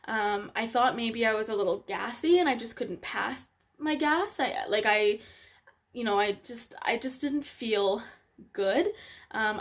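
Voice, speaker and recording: A woman with a slightly high voice tells a painful personal story in a vlog. She talks haltingly and emotionally, restarting her sentences and filling pauses. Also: a bit bright. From Africa. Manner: emotional, halting, many fillers. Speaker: vlogger.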